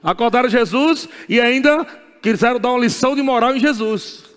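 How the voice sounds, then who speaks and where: High-voiced Brazilian pastor preaching. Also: male voice, a little fast, a bit bright, long reverb tail. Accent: Brazilian Portuguese. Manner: emphatic and repetitive, laughing as he preaches. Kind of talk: sermon.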